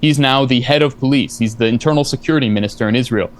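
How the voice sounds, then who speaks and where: A fast-talking man with a mid-range voice, of Eastern European family background, appears as a guest in a heated debate. He argues insistently and lectures, cutting in again and again with "no."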